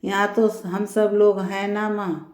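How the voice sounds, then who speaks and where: A tired young husband who reasons patiently, as a woman narrator voices him. He speaks slowly, with mellow warmth. The recording sounds roomy. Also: medium pitch, little pitch movement, close to an everyday voice. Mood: calm.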